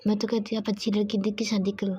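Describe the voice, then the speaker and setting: A woman voicing a sharp-tongued young wife who mocks her husband. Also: mid-range voice, flat delivery, fast, breathy edge. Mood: teasing. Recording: dull lo-fi with faint hiss.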